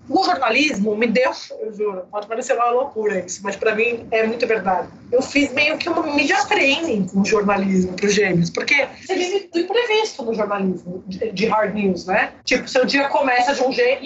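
Chatty Brazilian woman, higher voice. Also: distant mic, dull audio. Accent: Brazilian Portuguese. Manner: lively, chatty storyteller with quick asides. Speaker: guest, political journalist and TV presenter. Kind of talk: casual podcast chat.

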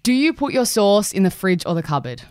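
A woman's voice: mid-range voice, big pitch swings, brisk, a little mellow, no room sound. Chatty woman podcast host. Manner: chatty, many fillers and restarts. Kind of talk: casual interview.

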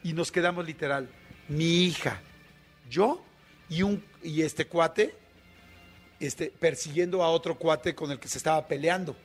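A man with a Mexican Spanish accent tells a story as a radio guest, animated and colloquial, full of fillers. His voice sits a bit high for a man, with soft music faintly behind him. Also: moderate pace.

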